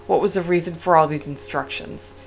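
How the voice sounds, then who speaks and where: A woman's voice: low-pitched, brisk, creaky, faint music behind. A woman reading aloud a small-town deputy's questions from a game, in a plain way. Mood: inquiring.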